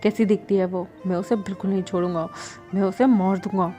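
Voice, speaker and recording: A woman's voice: medium pitch, fairly even intonation, fairly quick, mellow, faint music behind, natural voice. A woman voicing a sulky, jealous young man in love in a read-aloud fan story, speaking curt and huffy.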